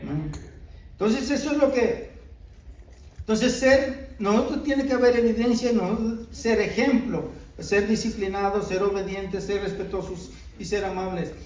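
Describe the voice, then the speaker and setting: A man's voice: high-pitched, unhurried, darkish tone, recorded from a distance. A middle-aged man preaching a sermon in earnest, often asking his listeners "¿verdad?". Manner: earnest, many rhetorical "¿verdad?" asides. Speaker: pastor. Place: church. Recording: echoey church hall, voice from off-mic.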